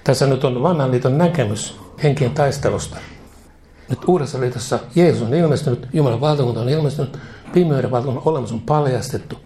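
A man's voice: mid-range voice, dark tone, slight background noise. A man preaching a sermon, leading a spoken prayer that he repeats line by line, with fervent delivery and casual asides.

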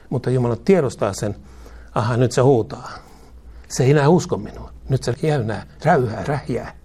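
A middle-aged man preaching a sermon, asking the congregation questions and rising in pitch and force when he exhorts them. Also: warm tone.

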